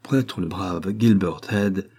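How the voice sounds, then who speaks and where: A man reading a classic adventure novel aloud in measured, scripted storytelling narration. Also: sits low, mellow, husky. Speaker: audiobook narrator.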